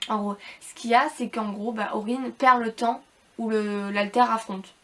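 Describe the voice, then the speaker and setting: A woman with a bright, forceful, somewhat high voice gives viewers a casual, rambling book review at normal speed with fairly even intonation. Because she is ill, her speech sounds slightly robotic and is hard to make out, and she is hesitant and repetitive, using informal, slangy wording.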